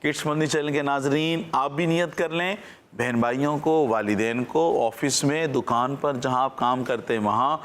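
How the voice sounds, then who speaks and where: A man's voice: mid-range voice, fairly bright tone, slight background noise. A man presenting on a children's TV show, teaching patiently and quizzing his young listeners in a question-and-answer style.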